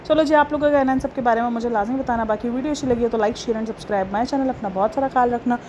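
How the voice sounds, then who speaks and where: High-voiced woman vlogger scolding. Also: fast talker, a little mellow, a little hiss or hum. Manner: scolding, rhetorical questions, exasperated. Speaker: commentary vlogger, channel host. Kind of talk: casual opinion commentary.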